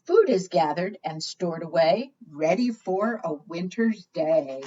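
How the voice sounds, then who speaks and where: A lowish, mellow female voice reads to young children at a preschool storytime, taking it slowly in a sing-song manner. She reads expressively and asks the kids questions. The lo-fi recording is dull, with a little hiss or hum.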